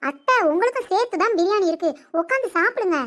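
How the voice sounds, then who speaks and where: Cartoon young wife, meek and naive, woman voicing, very high-pitched. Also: lively intonation, fast talker, fairly bright tone. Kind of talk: cartoon comedy voice acting.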